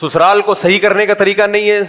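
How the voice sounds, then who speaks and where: A man's voice: high-pitched, little pitch movement, a bit bright. A middle-aged man, a religious scholar, giving a humorous, conversational religious talk and quizzing his audience.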